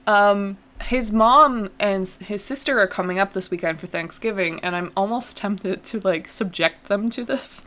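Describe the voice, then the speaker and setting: A woman's voice: mid-range voice, moderate pace, few pauses, a bit bright, a little hiss or hum. Chatty woman podcast host. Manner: chatty, self-deprecating, laughs often. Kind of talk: casual chat.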